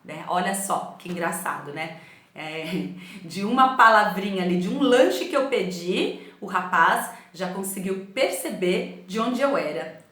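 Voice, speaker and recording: Animated São Paulo teacher, echoey room. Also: female voice, mid-range voice, measured pace. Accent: São Paulo Portuguese. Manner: storytelling, animated, asks the class "né?". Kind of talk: recorded remote class.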